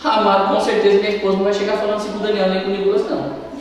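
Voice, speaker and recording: A man preaching a sermon in an animated, conversational way, often addressing listeners as beloved. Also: sits high, very fast, crowd noise. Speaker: pastor. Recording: echoey hall from far off with faint noise.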